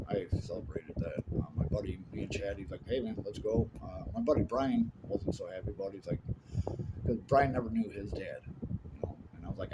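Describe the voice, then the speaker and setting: A man telling stories from his life in a casual monologue. He talks bluntly, swears, and fills his speech with asides and fillers. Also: medium pitch. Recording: loud steady background noise.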